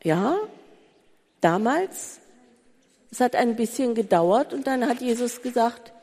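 A woman preaching in a long, ringing hall, her voice sitting fairly high. She speaks very slowly and emotionally, piling up rhetorical questions. She moves between urgent pleading and a hushed calm. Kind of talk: sermon. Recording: reverberant hall.

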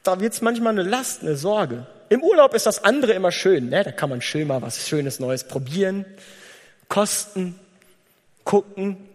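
Lively high-voiced preacher in a reverberant hall. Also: male voice. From Germany. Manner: lively, conversational preaching with acted-out dialogue. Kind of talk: sermon.

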